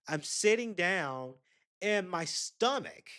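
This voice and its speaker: High-pitched and animated, this young man hosts a podcast solo, spinning a meandering, chatty story aimed straight at his audience with asides along the way. He speaks slowly, with a sharp, clear, resonant tone.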